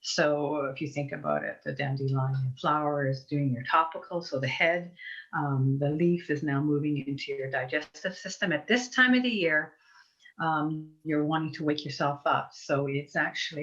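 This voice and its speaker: Low-pitched and fairly bright, a woman from Eastern Europe talks at normal speed as a guest herbalist. Her talk is informal, chatty, and digressive, with many restarts, all carried over muffled online call audio.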